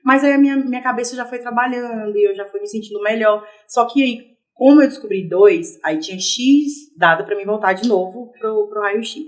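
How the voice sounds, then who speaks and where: A young adult woman, a podcast guest, telling her personal story in a casual, lively interview. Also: a little high, moderate pace, hardly any pauses.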